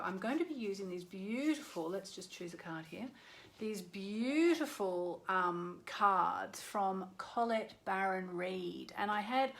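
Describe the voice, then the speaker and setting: A woman's voice: mid-range voice, creaky. Chatty woman hosting a livestream. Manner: chatty, greeting viewers by name, warm asides. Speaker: astrologer hosting a live show. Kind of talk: casual livestream chat. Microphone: desk microphone.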